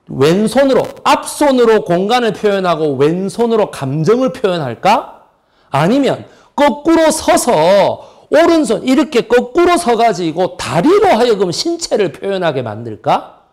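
A middle-aged man lectures on history, tossing out rhetorical questions and then answering them himself. His voice sits high and swings up and down with a lot of energy. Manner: lively, asks and answers his own questions.

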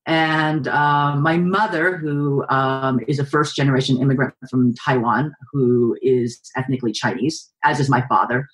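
Woman, 40s, from the Bay Area, author guest, thoughtful, steady pace, video call, home living room. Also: extremely low pitch, measured pace, hardly any pauses. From San Francisco Bay Area, US. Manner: thoughtful, steady, with frequent um fillers. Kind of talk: reflective interview answers. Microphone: video call webcam.

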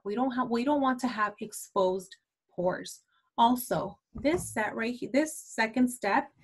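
A woman in her twenties, leading a beauty sales team, gives her staff a casual product training talk. Her voice is fairly high and fairly bright, and she chats away with plenty of fillers like "like" and "um."

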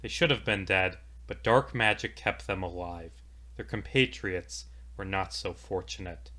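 A man telling the story of a fantasy tabletop campaign in measured, dramatic scripted narration. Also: sits low, pushed and bright.

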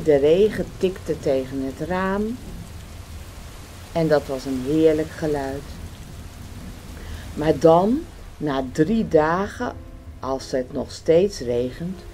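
A woman reading a children's picture book aloud, gentle and expressive. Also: low-pitched, slight background noise. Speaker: storyteller.

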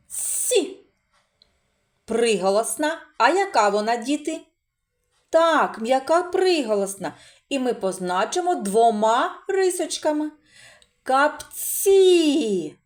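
A fairly high, very animated woman's voice leads a remote reading lesson for small children. She speaks slowly and stretches out every syllable as she sounds words out. Her tone is encouraging, and she praises the children often. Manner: slow, drawn-out sounding out of syllables. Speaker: preschool teacher.

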